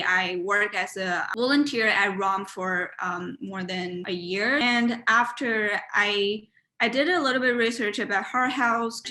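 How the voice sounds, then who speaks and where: This student interviewee, a Mandarin-native woman from China in her twenties, talks in accented English over a video call from her home room. Her medium-pitched voice comes across pushed and bright, and her answers are hesitant, full of fillers and restarts.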